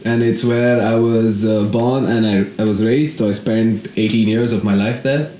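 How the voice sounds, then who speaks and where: A man's voice: fairly low pitch, fairly even intonation, moderate pace, darkish tone, a little hiss or hum. Young man from South India, echoey room. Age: young adult. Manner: friendly, laughs while telling stories. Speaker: guest. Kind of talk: casual podcast chat.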